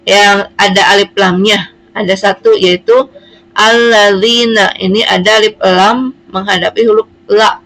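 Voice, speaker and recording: A woman's voice: mid-range voice, steady tone, normal speed, fairly bright tone, poor audio. A woman teaching Quran reading, explaining patiently and spelling out letters one at a time. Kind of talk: slow classroom explanation.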